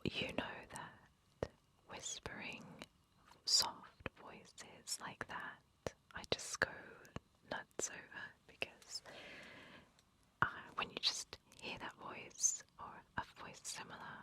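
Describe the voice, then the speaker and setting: Slow whispering woman sharing favourites. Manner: soft unvoiced whisper, gushing and chatty with many "like"s. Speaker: ASMR creator. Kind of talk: whispered ASMR monthly favourites.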